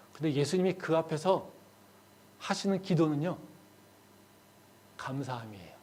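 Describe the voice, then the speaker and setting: A male pastor preaching a sermon in a church, his delivery swinging between quiet talk and loud, impassioned appeals. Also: a little high, breathy edge.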